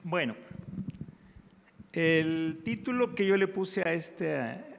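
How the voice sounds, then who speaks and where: A man preaches a sermon at an unhurried pace, drawing out his prayer phrases before pressing his teaching points with emphasis. His voice sits a little high for a man. The sound rings with the long reverb of a church hall. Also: gravelly, slight background noise. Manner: slow, prayerful, drawn-out phrases.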